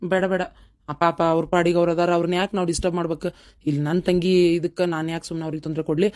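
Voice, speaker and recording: A woman's voice: on the low side, little pitch movement, very fast, darkish tone, natural voice. A woman voicing a stern, scornful elder brother in a cartoon, speaking with a North Karnataka accent and lecturing curtly. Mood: resigned. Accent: North Karnataka Kannada. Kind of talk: cartoon voice acting.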